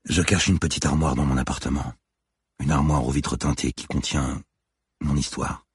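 Audiobook role: terse, haunted young policewoman, husky tone, read by a man. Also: rumbling low, fairly even intonation, moderate pace, no echo, studio quality, full character voice. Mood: haunted confiding. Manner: terse, commanding. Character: tough young woman police officer, haunted.

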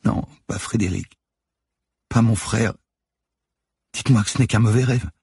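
A man's voice: fairly low pitch, fairly even intonation, unhurried, a little mellow, husky, no room sound, studio quality, pitched above the performer's own voice, exaggerated voice. A man voicing a distraught young woman who speaks through tears and wails in despair. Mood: pleading. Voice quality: tearful, wailing.

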